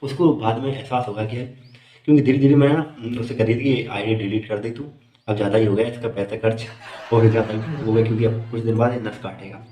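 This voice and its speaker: A man's voice: lowish voice, flat delivery, brisk, mellow, roomy sound. A man doing stand-up, telling a long comic story in a chatty, amused way. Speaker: stand-up comedian.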